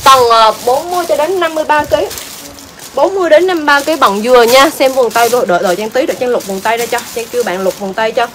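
A woman's voice: fairly high pitch, rapid-fire, fairly bright tone, a little hiss or hum, low-quality recording. A woman selling clothes on a livestream, chatty and exclaiming, repeating prices over and over. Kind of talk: fast live-selling patter.

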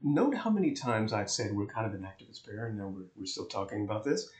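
A man's voice: on the low side, very animated, fast talker. A man co-hosting an astrology talk, explaining charts in a chatty, easygoing way and laughing easily. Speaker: astrology co-host. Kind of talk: explaining charts in casual chat. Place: warm indoor room. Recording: echoey room.

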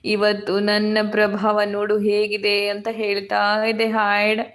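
A woman hosting a casual live stream from her phone in a dark room at home, her voice hoarse and cracking from illness as she greets viewers by name. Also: mid-range voice, monotone, measured pace. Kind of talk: casual live chat reading comments. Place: dark room at home during power cut.

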